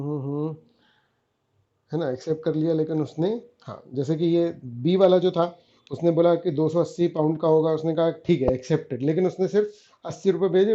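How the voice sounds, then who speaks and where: A man's voice: fairly high pitch, mellow, dull audio. A man teaching a revision lecture, often stopping to ask the students whether they follow and calling them beta and guys.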